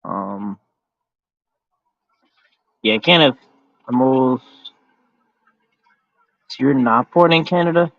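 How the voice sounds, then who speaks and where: A man's voice: medium pitch, animated, takes it slowly, vocal fry, long pauses, dry recording. An American man hosting a voice chat, talking in a laid-back, hesitant way. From United States. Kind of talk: casual chat. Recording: dull lo-fi sound.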